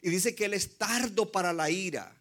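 A man delivers a passionate sermon from the pulpit, his voice sitting a little high for a man. He slips English phrases into his preaching. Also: moderate pace, fairly bright tone. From Colombia. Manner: impassioned, mixes in English phrases. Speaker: pastor.

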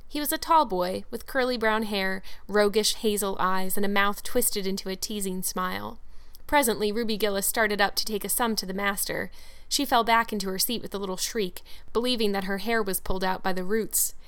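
A woman narrating a classic storybook in an expressive, measured reading. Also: medium pitch, clear, resonant tone. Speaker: audiobook narrator.

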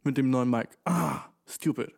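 A young man in his twenties hosts a loose, rambling solo chat. His voice is mellow and warm at a middle pitch, and his talk is profane and slangy. He gets worked up and keeps calling the listener dude. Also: measured pace, creaky. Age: 20s. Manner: excitable, addresses listener as dude.

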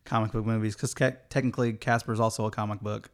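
A man's voice: fairly low pitch, level tone, fast talker. A man co-hosting a podcast, chatting casually and easily about a movie. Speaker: podcast co-host. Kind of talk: casual movie-review chat.

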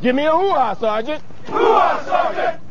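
Gung-ho military commander, slow, domineering, barking film drill speech, dull sound with crowd behind. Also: male voice, extremely high pitch, big pitch swings, very noisy, full character voice. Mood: menacing, commanding. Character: gung-ho hard military commander threatening recruits.

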